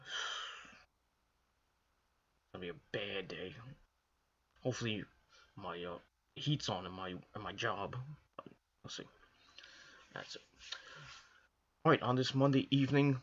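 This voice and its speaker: A hoarse wrestling video reviewer from the Northeastern US, coming down with a cold, rambles alone to camera in casual commentary. His lowish voice moves at a measured pace with frequent pauses, restarts and fillers, and he repeats himself. The audio sounds dull.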